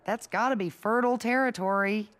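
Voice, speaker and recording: A woman voicing an eager, chatty suburban mom in an animated comedy. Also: on the high side, fairly quick, lightly acted.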